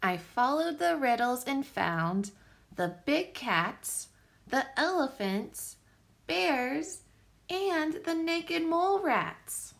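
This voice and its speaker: A woman reading a picture book aloud for young children with expressive, deliberate phrasing. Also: high voice, gravelly. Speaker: children's story reader, teacher.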